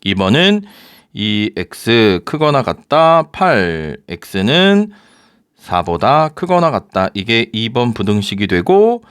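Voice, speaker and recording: A man teaching a recorded high-school math lecture, talking students through each step and often checking with rhetorical questions. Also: slow pace, smooth, dry recording, clean studio sound. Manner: lively, coaxing, asks rhetorical questions.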